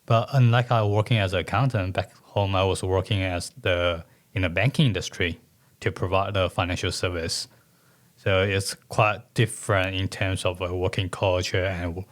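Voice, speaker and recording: A man from China, a senior accountant, explaining things in a relaxed way on a podcast, often saying "like". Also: low voice. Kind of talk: casual podcast chat.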